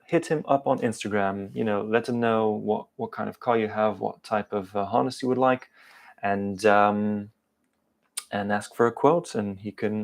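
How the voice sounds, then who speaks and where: During a live stream Q&A, a man in his thirties who hosts a car channel responds to viewer questions, hesitant and full of fillers. He has a darkish, mid-range voice and speaks English with some South African influence.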